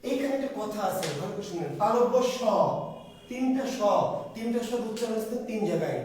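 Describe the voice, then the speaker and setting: A male teacher lectures a class in a high-pitched voice, firing questions and answering them himself. He is recorded from a distance. The classroom rings with heavy echo. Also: expressive, fast, darkish tone. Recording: echoey room from far off.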